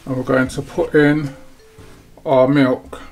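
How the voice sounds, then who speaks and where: A man's voice: medium pitch, little pitch movement, slow, creaky. A man hosts a casual home cooking demonstration, narrating each step as his hands work at the counter. His delivery is easygoing and level, with little rise or fall, and a faint bed of music sits beneath him. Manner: easygoing, talks through each step while working. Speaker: cooking channel host. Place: home kitchen.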